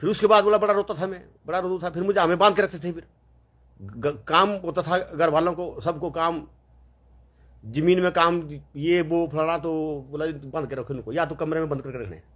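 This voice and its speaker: A man tells a story in a relaxed, wandering way, stopping for fillers and acting out what others said. His voice sits a little high and sounds husky. He talks casually, as if chatting with friends. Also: normal speed. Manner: rambling, full of fillers and quoted dialogue.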